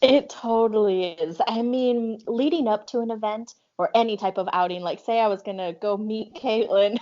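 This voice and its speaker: A woman from Hawaii, a guest on a casual podcast, relaxed and candid as she talks, with soft laughs. Her voice is mid-pitched for a woman. The audio is a little dull and lo-fi. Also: moderate pace. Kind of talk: casual chat.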